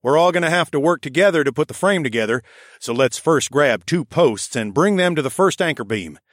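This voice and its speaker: A high, lively raccoon architect who hands out brisk, encouraging orders, as a man puts him on. His voice leaps about and sounds bossy and keen. The recording is dry and close. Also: dry recording. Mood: eager.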